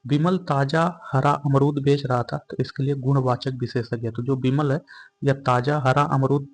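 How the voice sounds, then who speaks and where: Flat-toned man walking through exam answers. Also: medium pitch, moderate pace. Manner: steady, repetitive explanations, restating each answer. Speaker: exam-prep teacher. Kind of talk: explaining exam questions and answers.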